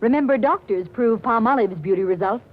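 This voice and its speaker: A woman's voice: a little high, a little fast. A woman reading scripted 1940s radio advertising as a spokeswoman. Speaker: commercial spokeswoman. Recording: tinny, narrow 1940s radio.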